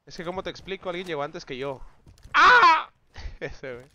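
A man's voice: fairly high pitch, quick pace, fairly bright tone. A man chatting on a live game stream, teasing his chat with slangy banter.

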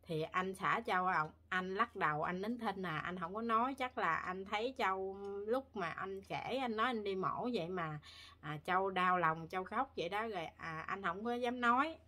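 A woman's voice: medium pitch, animated, normal speed, pushed and bright. A woman from Vietnam, a vlogger, talking casually to her viewers in a rambling way with many fillers and restarts. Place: home in Korea.

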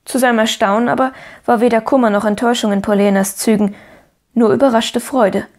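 A woman narrating a children's storybook in a calm, measured way. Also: fairly high pitch. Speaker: audiobook narrator. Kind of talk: scripted narration.

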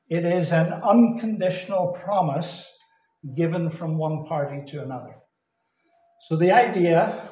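A man gives a Bible teaching talk in a slightly high voice. He speaks deliberately and hammers home key words by repeating them. The sound is roomy, with the echo of a large hall. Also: darkish tone. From Saskatchewan, Canada. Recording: echoey hall.

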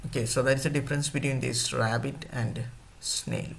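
A man's voice: medium pitch, steady tone, gravelly, fairly bright tone, a little hiss or hum. A male teacher giving an online class, talking to his students directly and repeating points often. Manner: slow, repetitive, addresses students directly.

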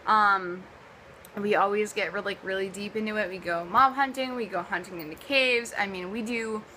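A woman's voice: mid-range voice, normal speed, bright, forceful tone, a little hiss or hum, low-quality recording. Chatty young woman with a sore throat. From US East Coast. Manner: chatty and rambling, many ums and likes. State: sore throat, partly lost voice. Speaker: vlogger. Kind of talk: casual vlog chat.

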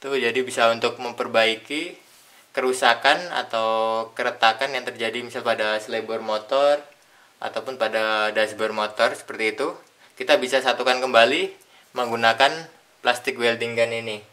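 A young Indonesian man, a product reviewer, demonstrates a tool's features while unboxing it on an indoor tabletop. His voice is bright and forceful yet mid-range and steady, and he explains in plain steps with pauses between phrases as he handles each part.

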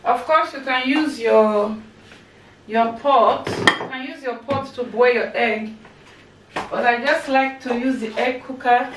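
Her voice a little high and slightly bright, a woman in her thirties keeps up casual cooking narration for her vlog while chopping and cooking. It's captured by a far-off camera mic in an echoey kitchen with background noise.

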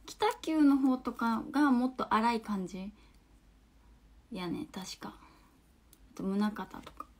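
A young woman in her twenties speaks in a bright, high voice with a Hakata dialect. She chats loosely on a phone livestream, reads out viewer comments, laughs easily, and sometimes sinks into soft, near-whispered asides. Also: slow pace. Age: 20s. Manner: chatty, laughs often, trails into soft murmurs. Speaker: livestream host. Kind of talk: casual livestream chat reading viewer comments.

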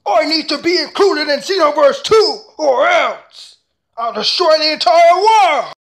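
A man's voice: very high-pitched, animated, a little slow, a bit bright, pitched above the performer's own voice, full character voice. A man switching impression voices between hot-blooded anime fighters and taunting villains. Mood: gloating.

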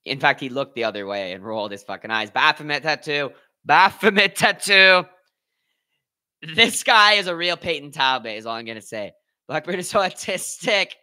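A man's voice: mid-range voice, lively intonation, a little fast, pushed and bright. A man hosting a live watch-party stream, commenting casually in loose slang and reading out and answering his chat.

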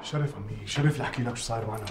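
A man's voice: lowish voice, rapid-fire, noisy background, natural voice. An actor playing a deferential trader with a Syrian accent who pleads and gives orders to his helpers. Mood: pleading. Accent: Syrian Arabic. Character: apologetic male trader, deferential. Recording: echoey room.

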